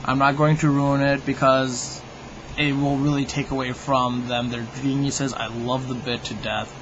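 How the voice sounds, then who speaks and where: A man's voice: mid-range voice, flat delivery, unhurried, fairly bright tone, muffled recording, slight background noise. A man hosting his own video, delivering a humorous monologue to viewers in a wry, mock-opinionated, tongue-in-cheek way. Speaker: video host.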